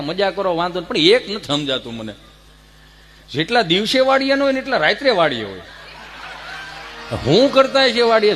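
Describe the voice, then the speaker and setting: A man's voice: high voice, a bit bright. A man grumbling through a comic village rant. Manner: grumbling, exasperated complaining.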